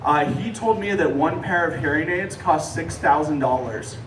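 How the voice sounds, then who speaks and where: A man's voice: a little high, moderate pace. A man doing a stand-up comedy set in a casual storytelling manner with hesitant asides, talking to a live audience. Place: echoey room with a live audience. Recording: roomy distant live recording, clear noise. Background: audience laughter and room noise.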